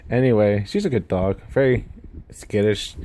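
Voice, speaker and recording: A gaming YouTuber gives a rambling, modest introduction in a casual at-home vlog to camera. His voice is fairly low and dark with fairly even intonation, and a lisp lengthens and slightly slurs his S sounds. There's noticeable room noise indoors.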